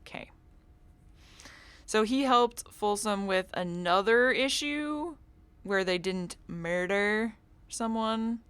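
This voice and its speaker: A woman casually commenting on a game she is playing, thinking out loud and laughing easily. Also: mid-range voice, lively intonation, takes it slowly, clean tone, no echo. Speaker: video game streamer. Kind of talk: casual let's-play commentary.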